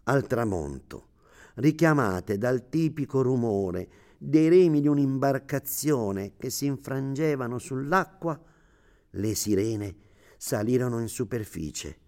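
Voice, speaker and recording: A man narrating a fairy tale in a slow, deliberate storytelling manner. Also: mid-range voice, expressive, darkish tone.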